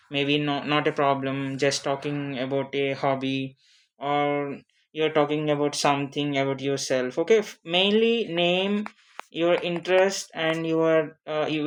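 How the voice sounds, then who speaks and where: A non-native English speaker teaches interview English online, giving an informal spoken lesson with examples on introductions. He speaks haltingly in a mid-range voice, repeating phrases and frequently checking in with "okay?" A little hiss or hum sits under the audio.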